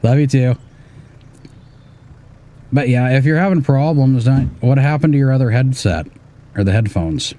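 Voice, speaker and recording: Teasing, foul-mouthed middle-aged dad streamer. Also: male voice, medium pitch, moderate pace, pauses often, warm tone. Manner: teasing, exasperated, swears often. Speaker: gaming streamer and father. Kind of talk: casual banter while streaming a game.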